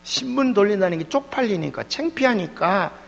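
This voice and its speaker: Male revival preacher, animated storyteller; dull echoey hall recording with faint hum. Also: high voice, normal speed, vocal fry. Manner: animated storytelling with sudden drops and outbursts. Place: church hall.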